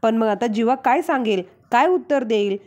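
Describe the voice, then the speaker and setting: Higher-voiced woman recapping a TV serial. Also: normal speed. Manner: steady storytelling, quotes characters inline. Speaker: channel narrator. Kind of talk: retelling a TV serial episode.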